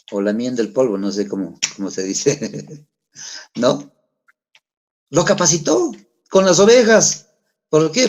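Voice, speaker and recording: A man's voice: a little high, a little mellow. A middle-aged man, preaching a sermon in a conversational way, asking the congregation rhetorical questions. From Peru. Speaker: pastor.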